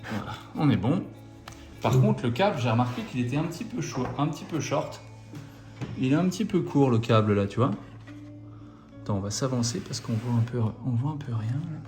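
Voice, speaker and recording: A man's voice: mid-range voice, expressive, a little fast, a little mellow, soft background music. A man with a French accent hosting a bilingual model-assembly tutorial, easygoing and joking at himself as he explains each step. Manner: easygoing, jokes at himself, repeats each step in two languages. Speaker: RC model hobby video host. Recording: echoey room.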